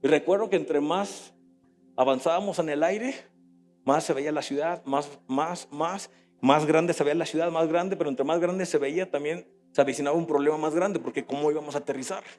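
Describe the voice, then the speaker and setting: A man with a Mexican Spanish accent, a pastor giving a sermon, who moves from quiet storytelling to loud preaching. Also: fairly high pitch, brisk. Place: church hall. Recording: echoey hall with soft music.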